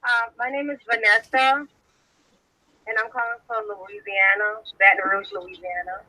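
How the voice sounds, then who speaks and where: A woman's voice: mid-range voice, steady tone, pushed and bright, dry recording. Hesitant woman caller on speakerphone. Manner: hesitant, halting with many "um"s. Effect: heard over a phone on speakerphone. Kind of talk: casual call-in chat. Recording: distant tinny speakerphone sound.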